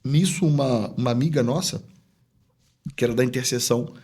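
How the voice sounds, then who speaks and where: Man, pastor, podcast guest, mid-pitched voice, casual earnest storytelling. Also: brisk, a little mellow. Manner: earnest, chatty storytelling that acts out remembered dialogue.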